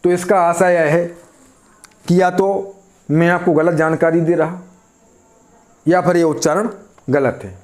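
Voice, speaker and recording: High-voiced man teaching grammar. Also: fairly even intonation, a little slow, pauses often, a little mellow. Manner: repeats questions to the class and answers them. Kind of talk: grammar lesson.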